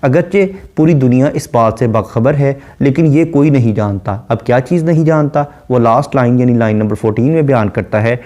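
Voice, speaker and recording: Mellow-voiced male literature lecturer. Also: mid-range voice. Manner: reads verse lines slowly, then explains in measured prose. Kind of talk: explanatory lecture.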